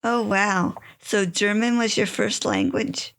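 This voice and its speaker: A woman's voice: medium pitch, big pitch swings, slow pace, fairly bright tone. A woman hosting a podcast, reading a scripted introduction and then asking interview questions with enthusiasm. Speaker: podcast host.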